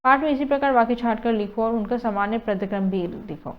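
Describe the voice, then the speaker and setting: A woman's voice: a little high, fairly even intonation, a little fast. A woman teacher, explaining a lesson in a chatty way, often checking "okay" with students and mixing in English words. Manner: chatty, mixes in English words, frequent "theek hai" checks. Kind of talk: casual classroom explanation. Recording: dull lo-fi sound.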